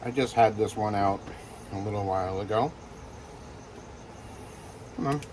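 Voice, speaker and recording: A man who breeds reptiles talks casually in a vlog while handling geckos, with lots of fillers and soft reassurances to the animals. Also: fairly low pitch, a little slow, background noise. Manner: rambling, filler-heavy, coos softly to the geckos.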